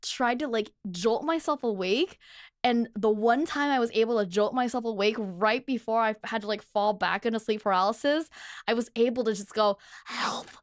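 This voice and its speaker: Woman, podcast host, casual rambling storyteller, high voice. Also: moderate pace, no room sound, studio quality. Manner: chatty storyteller, lots of fillers and laughter. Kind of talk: casual chat.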